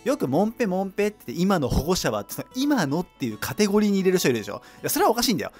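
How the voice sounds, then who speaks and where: A man's voice: high-pitched, very animated, very fast, husky, soft background music. A man hosting a casual solo talk radio show, chatty and laughing at himself.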